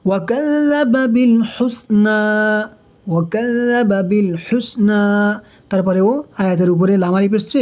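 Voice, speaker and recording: A woman with a medium-pitched, dark-toned voice teaches the rules of Quran recitation step by step in a tajweed lesson. She patiently repeats syllables and asks questions while explaining.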